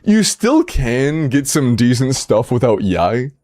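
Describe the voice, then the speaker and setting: A man's voice: mid-range voice, very animated, slow, a little mellow, faint music behind. A man in his twenties, casually chatting on a livestream, playfully bantering with chat and laughing often. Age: 20s. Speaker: streamer. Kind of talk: casual livestream chat reviewing game accounts.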